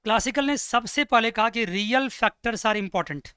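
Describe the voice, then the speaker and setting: Bright, crisp male economics teacher. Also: extremely high pitch, no echo, studio quality. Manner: lively, asks students questions; dictates notes slowly. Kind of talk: classroom lecture.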